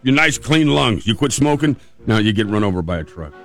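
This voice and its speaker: A man's voice: on the low side, lively intonation, a little fast, faint music behind. A man hosting radio, telling a casual, humorous personal story in a rambling way, repeating phrases for emphasis. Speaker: radio host.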